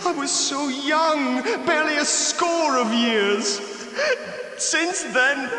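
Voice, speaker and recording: An actor voicing the ghost of a young murdered knight in a video game, pleading and tormented, with theatrical delivery. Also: male voice, very high voice, pushed and bright, exaggerated voice. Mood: anguished. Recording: echoey hall with long reverb.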